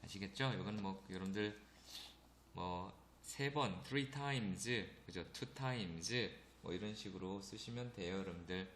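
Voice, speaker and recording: A man teaching an English grammar lecture, often checking in with his students and reading the English examples slowly. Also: sits low, a bit bright. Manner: addresses students often, frequent "그죠?" check-ins. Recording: echoey room with faint noise.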